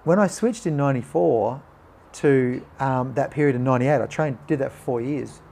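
A man's voice: mid-range voice, moderate pace, vocal fry. A man, a podcast guest telling a personal story and acting out the voices of people in it. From Australia. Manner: animated, acts out quoted voices.

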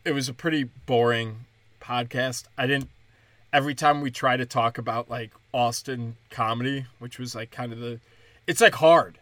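A young stand-up comedian rambles crudely and mockingly through a solo podcast, breaking into high mimicking voices. His voice is a bit bright, with no echo.

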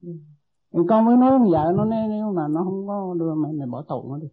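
A woman's voice: lowish voice, animated, quick pace, husky. A woman in her sixties, a meditation disciple asking her teacher for advice, hesitant and deferential, often stumbling and repeating words. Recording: tinny lo-fi tape.

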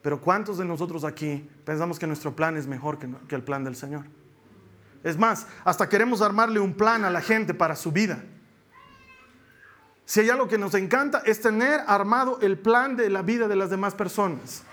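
A man with a notably high voice delivers a church sermon, driving home each point by repeating it. His preaching is emphatic and lively, and he slips into playful mock voices when he quotes someone. He speaks to his congregation as a pastor. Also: normal speed. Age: adult with a young daughter.

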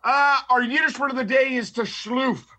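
A man's voice: extremely high pitch, fairly even intonation, normal speed, bright, forceful tone. Tinny man, like inside a tin can. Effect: tinny sound, like talking inside a tin can. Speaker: rabbi, radio guest. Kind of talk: casual chat. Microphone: laptop mic on a video call, no proper microphone.

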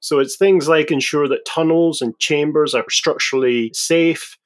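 A man's voice: a little high, normal speed. Regular guy rambling through fantasy lore on a podcast, laid back, keeps correcting himself. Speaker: podcast host explaining game lore. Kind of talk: casual lore explanation.

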